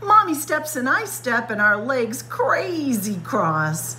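It's story time in a library room surrounded by bookshelves, where a female librarian reads a picture book aloud very slowly and carefully. Her pitch rises and falls expressively as she draws words out and performs them for the kids, over a faint background hum and noise.

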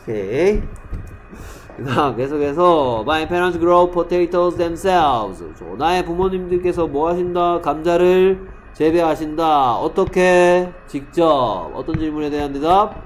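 A male English teacher in a classroom, quizzing students by name and slowly repeating English example sentences. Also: a little high, slight background noise. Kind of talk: classroom lesson.

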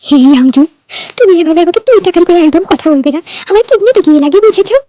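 A woman voicing a calm, fussy, henpecked middle-aged father in a storybook tale. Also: very high-pitched, quick pace, no room sound, lo-fi sound. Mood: fussing. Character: soft-spoken middle-aged husband and father.

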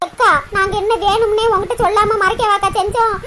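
A woman's voice: extremely high pitch, flat delivery, fast, pushed and bright, slight background noise. A woman voicing a chatty village woman in a cartoon comedy, speaking, earnest and coaxing.

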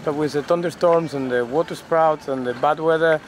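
A man in his forties vlogging casually on a sailboat, relaxed and matter-of-fact with slightly broken phrasing, filmed on a handheld camera. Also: on the high side, brisk, slight background noise. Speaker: sailing vlogger, captain. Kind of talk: casual vlog talk. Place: outdoors on a sailboat in a marina. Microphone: action camera at arm's length.

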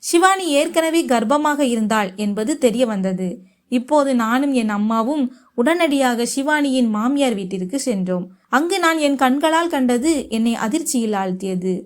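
A woman narrating a first-person family story in a steady read-aloud manner. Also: on the high side, normal speed.

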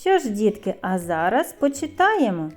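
A woman from Ukraine teaching young children in a video lesson, speaking slowly and patiently and stretching out sounds and syllables. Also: medium pitch, expressive, mellow, big-room sound, soft background music. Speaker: kindergarten teacher.

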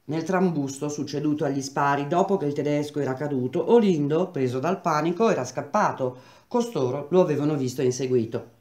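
A woman reading a novel aloud in a steady, measured storytelling voice. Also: deep voice. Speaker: reader. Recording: roomy echo.

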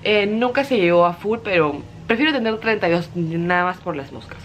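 Young woman, animated casual chat, fairly low pitch. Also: fairly quick, slight background noise. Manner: chatty, animated storytelling. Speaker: vlogger.

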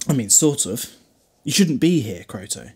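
A British man voices a glib, protective time-travelling hero in a fan audio drama, wry and chatty with a scolding streak. His medium-pitched voice is very animated, slightly rough, and exaggerated at a normal speed, sounding mocking and stern.

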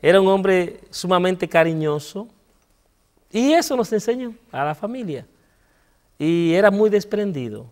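A Dominican priest telling his personal testimony in a TV interview, speaking earnestly with a Dominican Spanish accent and letting his voice sink low and soft at painful moments. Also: very animated, measured pace, big-room sound. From Dominican Republic.

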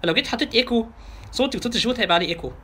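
A man with an Egyptian Arabic accent giving a casual software tutorial, talking fast and asking his listeners rhetorical questions. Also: extremely high pitch, lively intonation, breathy edge. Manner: quick, chatty, addresses listeners directly with rhetorical questions. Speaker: software instructor. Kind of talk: tutorial lecture.

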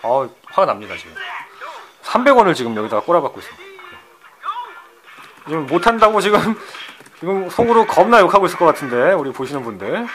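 A man streaming an old fighting game, swearing at the computer opponent and swinging between loud outbursts and low mutters. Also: slight background noise. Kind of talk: profane retro game commentary.

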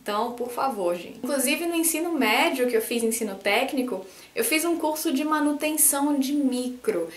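A lively woman in her twenties from Brazil with a faint Bahian accent, talking casually to camera as a science YouTuber and gesturing a lot. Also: high-pitched, normal speed, few pauses, roomy sound. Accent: light Brazilian Portuguese, faint Bahian. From Salvador, Bahia, Brazil. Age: 20s. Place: small room indoors, posters on the wall.

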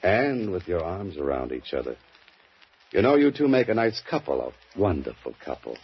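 Heavily acted and very animated, a deep, slightly rough male voice moves at normal speed as an actor portrays a cool mystery writer turned sleuth with dry wit. It's styled as 1940s radio drama and sounds like a muffled broadcast from that era. His tone is wry, his lines dry and wisecracking.

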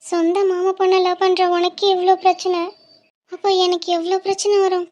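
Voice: very high-pitched, completely flat delivery, fairly quick, a little mellow. A voice actor playing a cheeky young college woman in a cartoon, bickering and sassy.

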